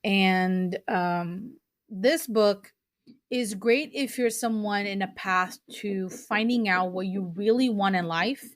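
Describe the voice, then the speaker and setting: Taking it slowly in a medium pitch, a young Portuguese woman talks earnestly about books she recommends on the podcast she hosts, with fillers and restarts here and there. The recording is dry, with clean studio sound.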